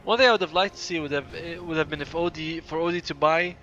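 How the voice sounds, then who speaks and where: A man's voice: on the high side, fast, pushed and bright, muffled recording, faint music behind. A tired, yawning man giving casual, chatty play-by-play commentary on a game replay, often correcting himself mid-sentence.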